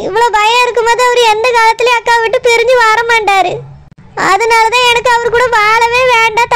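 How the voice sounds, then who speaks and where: A woman's voice: very high-pitched, a bit bright. A woman voicing a young village wife who is crying, with a Tirunelveli Tamil accent.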